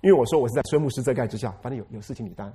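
A man's voice: mid-range voice, very fast, warm tone. A man, a pastor giving a sermon who stresses points by repeating phrases and asks the congregation questions. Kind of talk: lively sermon.

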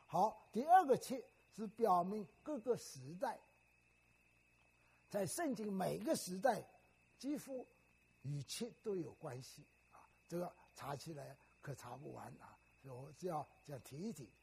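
A man's voice: sits high, lively intonation, measured pace, gravelly, darkish tone, husky. An older man preaching a sermon in a teacherly way, often putting questions to the congregation.

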